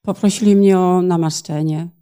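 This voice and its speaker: A woman's voice: fairly low pitch, fairly even intonation, moderate pace, warm tone, clear, resonant tone. A woman interpreting a sermon phrase by phrase, in a plain manner with small hesitations.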